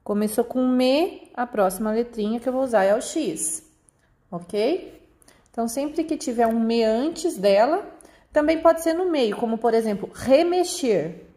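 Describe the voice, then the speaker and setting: A woman with a Brazilian accent teaching young pupils a remote lesson, patiently slowing down to spell out example words. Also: a little high, dark tone. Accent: Brazilian Portuguese. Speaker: primary school teacher.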